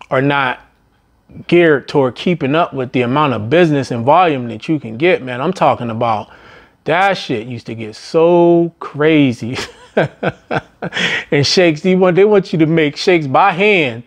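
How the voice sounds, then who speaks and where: A middle-aged man casually telling stories about managing a busy restaurant, rambling and tagging his sentences with "man" and "right?". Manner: loose, rambling delivery with frequent "man" and "right?" tags; slips into high, strained voices when quoting others. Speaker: business vlogger and former restaurant manager. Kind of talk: casual storytelling monologue.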